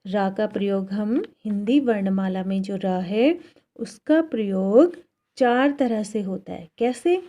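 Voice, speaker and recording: A woman's voice: medium pitch, slow pace, warm tone. A woman teacher giving a grammar lesson to children, speaking patiently and repeating each word for the pupils. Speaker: school teacher. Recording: dull, lo-fi classroom recording.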